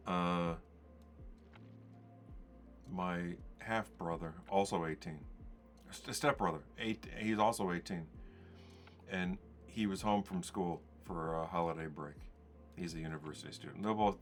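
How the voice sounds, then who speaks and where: Man, lowish voice, rambling storyteller who acts out quotes, faint music behind. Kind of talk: casual podcast storytelling.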